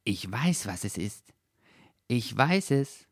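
A man voicing an eager, proud little male dachshund in a storybook, talking in a bouncy, high-pitched, excited way. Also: unhurried, dry recording, studio quality.

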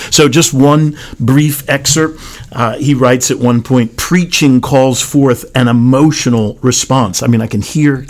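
An older man in casual conversation, speaking earnestly and haltingly with many restarts. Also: medium pitch. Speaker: podcast guest pastor.

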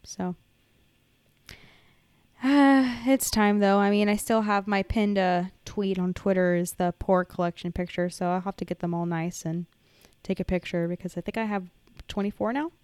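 A woman co-hosting a casual podcast, chatting with sarcastic, animated energy. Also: mid-range voice, moderate pace, clean tone, no room sound. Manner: sarcastic, animated, slips into a hyped announcer voice when reading. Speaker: podcast co-host. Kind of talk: casual chat. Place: home podcast setup.

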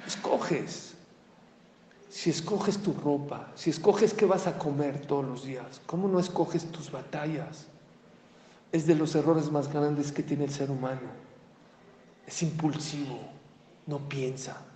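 A man's voice: on the high side, slow, mellow, a little hiss or hum. A man giving a sermon as a rabbi, asking rhetorical questions and rising to emphatic outbursts. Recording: echoey hall, faint ambience.

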